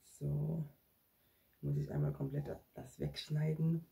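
A man hosting a staged real-life prank vlog, excitable and talking straight to his viewers. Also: a little high, slow pace, creaky, husky. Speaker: vlog host.

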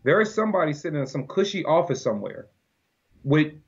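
Podcast guest, male, husky, heated and argumentative, lo-fi sound. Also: a little high, brisk. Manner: animated, argumentative, often acts out quoted voices. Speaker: podcast guest, gun-rights advocate. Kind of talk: casual podcast conversation. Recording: dull lo-fi audio.

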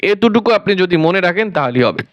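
A man teaching Quran recitation, sounding out syllables slowly and asking and answering his own questions. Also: sits high, very animated, dry recording, lo-fi sound. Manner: slow, drawn-out sounding of syllables. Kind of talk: spelling out recitation rules.

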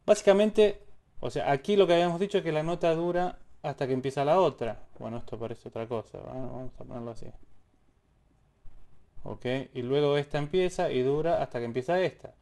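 A man's voice: a little high, brisk, creaky, warm tone. A man teaching a casual music theory lesson, explaining step by step and singing syllables to show rhythms.

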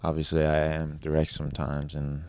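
Deep-voiced young man, rambling chat. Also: completely flat delivery, brisk, a little mellow, no echo. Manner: rambling, heavy on fillers like "like" and "you know". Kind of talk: casual chat.

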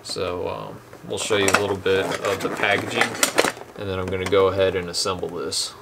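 A young man with a low voice talks through a gear demo in a dim room at home, relaxed and plain-spoken with frequent ums. Clattering handling noises come through clearly behind him. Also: a little fast, heavy background noise. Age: young adult. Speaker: channel host reviewing boat anchors. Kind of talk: casual product demo.

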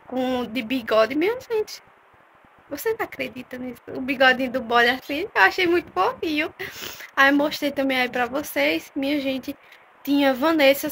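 A woman's voice: high-pitched, pushed and bright, slight background noise. A young woman, chatting to viewers in a casual phone vlog and often calling them "my people". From Northeast Brazil. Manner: chatty, calls viewers "minha gente". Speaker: vlogger. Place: open-air market outdoors, then a room by a block wall. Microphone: phone camera held at arm's length.

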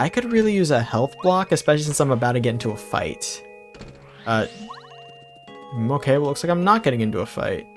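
A man giving casual let's play commentary, rambling through jokey asides as he plays. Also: medium pitch. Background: game music.

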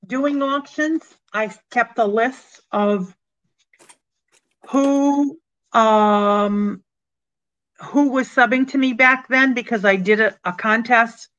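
An older woman in her sixties talks slowly and comfortably, hosting a live-stream auction from a small room at home. Her voice sits a little high, and she chats with viewers by name. The audio comes through a webcam and sounds a bit dull and lo-fi. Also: fairly bright tone. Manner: slow, unhurried, chatty, thanking viewers by name. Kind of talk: casual live-stream chat. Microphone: webcam on a computer, video call.

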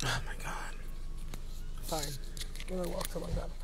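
High-voiced playful man livestreaming. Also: normal speed, fairly bright tone, in a whisper. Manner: playful, joking, mock announcer voice. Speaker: astrologer. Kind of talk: casual livestream chat. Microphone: phone.

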